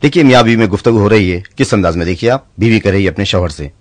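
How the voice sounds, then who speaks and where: A man's voice: fairly low pitch, expressive, racing, no room sound. A man telling short jokes on stage and switching into acted voices for his characters. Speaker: stand-up comedian.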